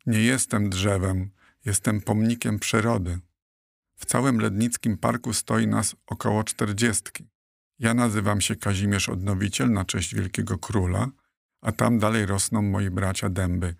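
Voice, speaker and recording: A man voicing an old, talkative male oak tree in an audiobook, speaking slowly and listing names at length. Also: fairly low pitch, steady tone, vocal fry, no echo, clean studio sound. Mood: proud, rambling. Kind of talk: audiobook character reading.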